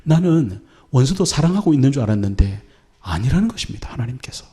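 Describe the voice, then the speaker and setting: A man's voice: mid-range voice, big pitch swings, a little fast, warm tone. A man preaching a Sunday sermon as pastor, speaking earnestly and sometimes dropping to a whisper for emphasis. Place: church sanctuary.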